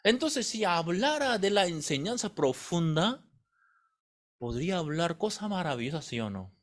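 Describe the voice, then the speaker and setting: Animated male preacher, high lively voice. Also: normal speed. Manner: animated storytelling, quizzing the congregation. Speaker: pastor. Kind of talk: sermon.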